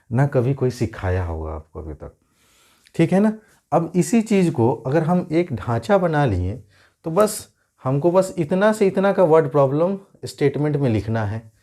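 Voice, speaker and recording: Man teaching maths step by step, mellow voice. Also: medium pitch. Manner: explains step by step, asks the students questions and answers them himself; speaks the students' replies for them. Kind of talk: classroom lesson.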